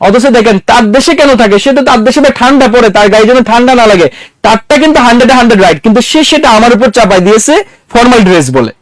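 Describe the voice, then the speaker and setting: A man's voice: extremely high pitch, expressive, very fast, crowd noise. A man lecturing a classroom in a conversational way, quizzing his students and mixing English words into his talk. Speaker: teacher.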